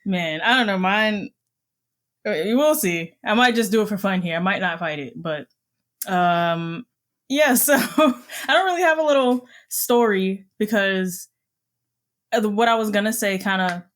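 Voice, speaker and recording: A woman's voice: mid-range voice, lively intonation, measured pace, a bit bright. A young woman co-hosting a podcast, chatting casually with a giggly, rambling manner and plenty of fillers. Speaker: podcast co-host. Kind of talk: casual chat.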